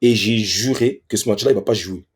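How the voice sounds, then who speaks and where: Husky-voiced man telling a slangy story. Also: fairly low pitch, fairly quick. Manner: animated, acts out others in raised voices; slangy street French. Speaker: professional footballer, interview guest. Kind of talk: casual storytelling in an interview.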